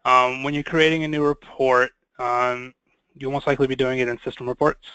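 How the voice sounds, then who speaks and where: A man leading a screen-share software training, talking casually with many fillers. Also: medium pitch, little pitch movement, a little fast, clean tone, dry recording, rough recording.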